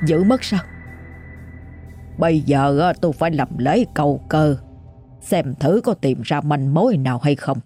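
A cautious ritual master gives grave warnings in a low, husky tone, pausing on uneasy fillers, as a woman narrator puts him on. Faint music plays beneath the storytelling. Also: animated, warm tone.

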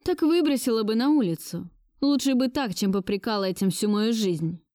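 A woman's voice: a little high, animated, normal speed, dark tone, no echo, studio quality, natural voice. A woman voicing a defiant young man who bitterly stands up to his grandmother. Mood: resolute. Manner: bitter, resolute outbursts. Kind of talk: audiobook dialogue reading.

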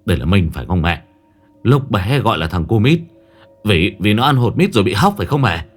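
A man voicing a possessed stranger who speaks as a dead soldier's spirit in a low, pained, hushed voice. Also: big pitch swings, brisk. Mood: pained pleading.

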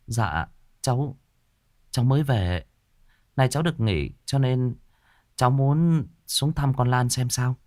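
A man voicing a firm, caring young woman in a ghost story, speaking quickly and reassuringly. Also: mid-range voice, darkish tone, no echo, studio quality, pitched above the performer's own voice, close to an everyday voice. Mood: polite.

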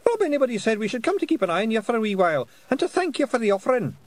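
A squeaky Scottish fairy warrior. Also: male voice, racing, no room sound. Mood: eager. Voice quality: high squeaky excited voice. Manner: stammering, eager, bashful. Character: tiny nervous male fairy warrior. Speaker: audiobook reader. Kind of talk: audiobook character voice.

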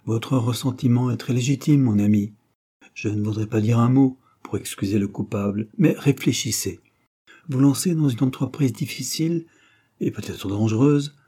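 A man voicing a devoted but cautious young man, reasoning earnestly in a storybook reading. The voice is husky and dark, measured and sincere. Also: mid-range voice, natural voice.

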